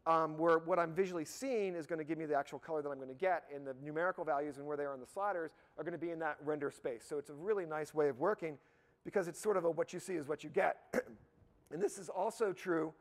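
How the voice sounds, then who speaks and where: Slightly hoarse man giving a casual demo. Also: fairly high pitch, fast talker. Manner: casual and upbeat, with many fillers and restarts. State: slightly hoarse, losing his voice. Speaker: product expert giving a software demo. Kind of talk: live software demonstration.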